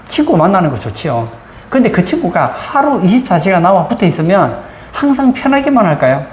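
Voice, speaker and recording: A woman's voice: on the low side, very animated, a little fast, darkish tone. A woman pastor preaching a sermon, asking the congregation frequent rhetorical questions. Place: church sanctuary. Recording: roomy church acoustics, faint background noise.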